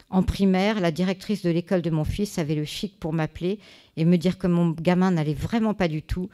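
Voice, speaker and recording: A woman giving a conference talk, reading a prepared text in a measured way, with small fillers and restarts. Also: lowish voice, mellow. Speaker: conference speaker. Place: conference hall.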